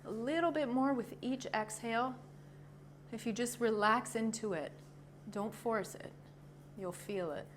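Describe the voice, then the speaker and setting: A woman leading a yoga class with short, calm cues in a gentle, encouraging, informal way. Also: fairly high pitch, a little slow. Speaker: yoga instructor. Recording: clearly noisy ambient background.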